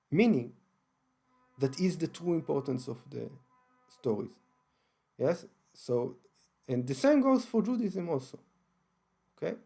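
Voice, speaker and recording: A slightly high voice with vocal fry, a dark tone and a breathy edge belongs to an Israeli-accented man hosting his channel. He explains his religious views carefully in unscripted talk, full of hesitations and restarts.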